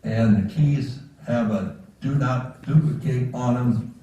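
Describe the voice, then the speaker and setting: Plain-spoken male club member, dark soft tone, speaking informally far from the mic with faint noise. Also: mid-range voice, slow pace, dull audio. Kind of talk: informal remarks at a club meeting. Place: meeting room, far from the mic. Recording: very echoey room, distant mic, faint noise.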